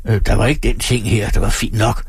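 Brief: gleeful old gravedigger in a storybook reading, slow conspiratorial delivery, husky, male reader voices him. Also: lowish voice, little pitch movement, no echo, clean studio sound. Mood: sly.

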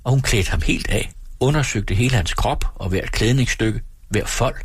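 A man from Denmark reading a novel aloud on his radio show, calm and measured. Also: mid-range voice, breathy edge, no room sound.

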